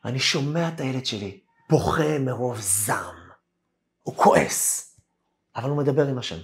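A rabbi telling a classroom story in a Torah lesson, acting out the voices of the people in it. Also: male voice, medium pitch. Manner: animated storyteller acting out quoted dialogue.

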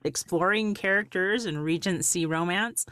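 A woman hosting an interview podcast, with a low, soothing voice, presenting and asking questions. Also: normal speed, sharp tone, no echo. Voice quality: low, soothing, beautiful speaking voice. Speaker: podcast host. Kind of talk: scripted show introduction and interview.

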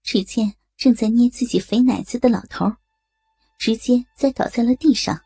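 Woman narrating, soft dark husky voice. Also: a little high, normal speed, dry recording. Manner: steady storytelling. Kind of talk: scripted story narration.

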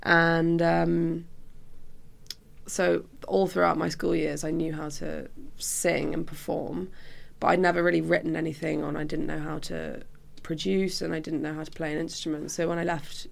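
Young british woman, really croaky fry in her voice, informal chatty interview answers. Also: low-pitched, little pitch movement, moderate pace. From Cumbria, England. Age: young adult. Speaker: musician guest. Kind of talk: casual interview chat.

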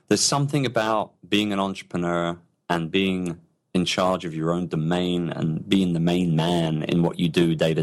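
Deep-voiced man, enthusiastic. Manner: enthusiastic, rambling with many restarts. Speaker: entrepreneur guest. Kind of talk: casual interview talk.

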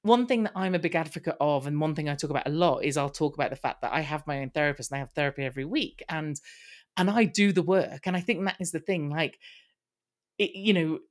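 A man with a fairly high-pitched voice appears as a podcast guest, sharing personal stories candidly and conversationally, speaking in quick bursts and restarting often.

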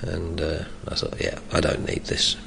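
A loud, low-pitched, gravelly voice belongs to an older former soccer coach being interviewed for an oral history. He talks at normal speed with a level tone, but hesitantly, often restarting and chuckling. Faint background noise and long reverb are audible.

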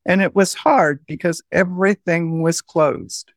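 Woman guest, earnest and explanatory, mid pitch, dry sound. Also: a little slow, dry recording. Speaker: guest, project founder. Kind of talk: interview conversation.

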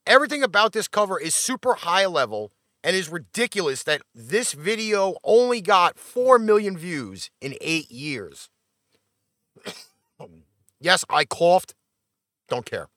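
A man's voice: high-pitched, sing-song, unhurried, pushed and bright, dry recording, studio quality. A man hosting a music show, introducing tracks in a brash, blunt and playfully defiant way as he hypes up the audience.

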